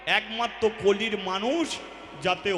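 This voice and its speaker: A man's voice: high-pitched, takes it slowly. A man with a Bengali accent gives a devotional sermon, asking his listeners rhetorical questions, then leads a call-and-response chant. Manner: preaches with rhetorical questions and acts out homely examples. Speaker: kirtan singer and preacher. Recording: roomy live hall with loud music.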